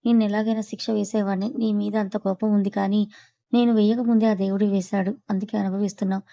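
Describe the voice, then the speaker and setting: A woman's voice: mid-range voice, level tone, quick pace, vocal fry, warm tone, dull audio, lightly acted. A woman voicing an angry young husband who fiercely protects his wife, talking in a harsh, scolding way. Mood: bitter.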